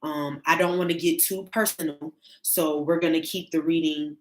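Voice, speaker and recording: A woman's voice: low-pitched, steady tone, slight background noise, poor audio. A thirty-year-old woman, a tarot reader, chatting casually in a vlog, often stopping and restarting her sentences. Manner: halting, many restarts and fillers. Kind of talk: casual spiritual vlog chat.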